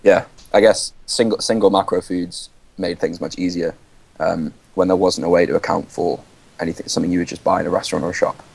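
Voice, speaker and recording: A man's voice: sits low, steady tone, fairly quick, gravelly, darkish tone, breathy edge, rough recording. A man guesting on a podcast as a fitness coach, easygoing and restarting his sentences. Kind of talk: casual interview answers.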